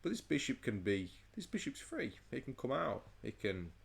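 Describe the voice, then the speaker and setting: A man's voice: medium pitch, huge pitch swings, moderate pace, gravelly, slightly rough. A man casually commentating a chess game, rambling and stammering through restarts while overheated and sweating. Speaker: chess channel host.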